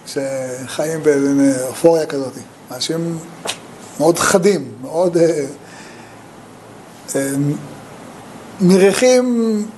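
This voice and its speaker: A man giving a Torah talk as a rabbi, telling stories in an animated way with sudden jumps up in pitch. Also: slight background noise, poor audio.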